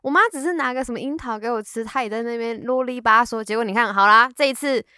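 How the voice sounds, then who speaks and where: A woman's voice: on the high side, quick pace, smooth, no room sound. Teasing young woman chatting on a podcast. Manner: lively, teasing, laughs often. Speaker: podcast co-host. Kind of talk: casual chat.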